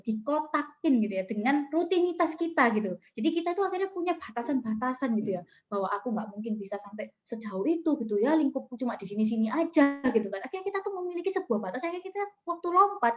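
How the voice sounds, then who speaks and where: A woman's voice: sits high, muffled recording. A woman mentor giving a coaching talk and telling a story, chatty and full of fillers, addressing her audience often over a video call. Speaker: business mentor.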